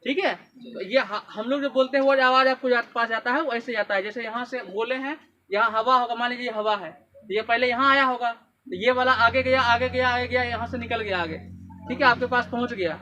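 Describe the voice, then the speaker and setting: High-voiced teacher quizzing his class. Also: brisk, bright, forceful tone, highs cut off. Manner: asks the class questions and repeats the answers. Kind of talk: classroom physics lecture.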